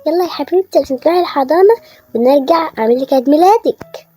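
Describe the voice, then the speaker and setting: A woman's voice: high voice, lively intonation, very fast, warm tone, faint music behind. Woman playing a nagging Egyptian mom. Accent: Egyptian Arabic. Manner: nagging, exasperated. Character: fussy, scolding mother waking her kids. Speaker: storyteller voicing game characters. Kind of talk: toy-game story role-play.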